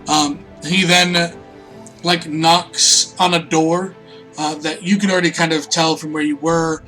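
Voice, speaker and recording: A man running a tabletop game as game master, improvising descriptions in a casual, halting way. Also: on the high side, little pitch movement, bright, forceful tone, faint music behind.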